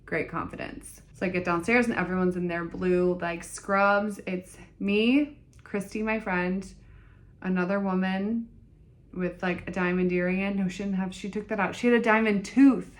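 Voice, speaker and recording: A woman's voice: mid-range voice, fairly even intonation, moderate pace. A young woman vlogging, telling a story in a blunt, jokey way and acting out the dialogue. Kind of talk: casual storytelling vlog.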